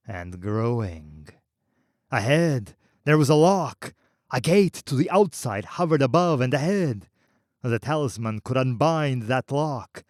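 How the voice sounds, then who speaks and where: Male audiobook narrator: slow, lively pitch, dry close sound. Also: dry recording.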